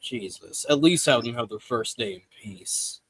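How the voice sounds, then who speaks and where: A man playing a tabletop game who narrates his character's actions in chatty detail. His voice is mid-pitched, and the recording is dry and close. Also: lively intonation, moderate pace, a bit bright, breathy edge, no room sound. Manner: chatty, descriptive. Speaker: player.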